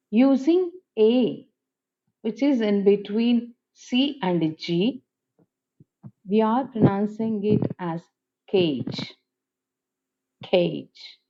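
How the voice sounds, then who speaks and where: A woman teacher giving a phonetics lesson, speaking slowly and carefully and saying each example word twice. Her pitch moves a lot as she stresses the words. The recording sounds dull and lo-fi. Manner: slow and deliberate, repeating each example word. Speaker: English teacher.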